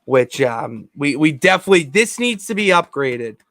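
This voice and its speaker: Excitable rambling male podcast co-host. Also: on the high side, normal speed, no echo, clean studio sound. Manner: excitable, rambling with many restarts. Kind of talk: casual chat. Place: home basement.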